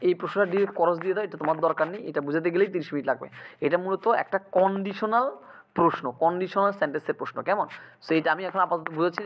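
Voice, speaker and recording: A man teaching English grammar for exam prep, often pausing to ask his students if it is clear. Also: sits high, muffled recording, slight background noise. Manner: keeps checking students understand with quick asks.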